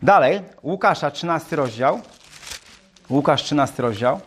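A man's voice: on the high side, lively intonation, normal speed. A man preaching a sermon, reading Bible verses aloud and explaining them, often asking his listeners questions and repeating phrases.

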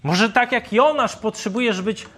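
A man preaching a sermon, speaking deliberately and asking his listeners rhetorical questions. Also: sits high, fairly bright tone.

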